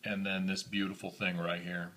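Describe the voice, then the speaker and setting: A man with a monotone voice, talking casually through a knife review for his vlog, recorded on a phone camera. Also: low-pitched, moderate pace. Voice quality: monotone, self-described.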